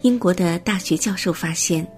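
A woman reading a prepared text as scripted narration, in a steady, measured way. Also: lowish voice, soft background music.

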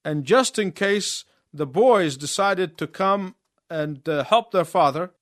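A man preaching a sermon in short phrases, pausing so an interpreter can translate each one. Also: high-pitched, expressive, no room sound, studio quality.

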